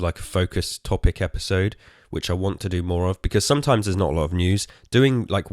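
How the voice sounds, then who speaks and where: A tired English podcast host from England talks in a very low, hoarse male voice through a casual solo episode. He rambles, mocks himself and swears casually. The sound is dry and close, with no room sound.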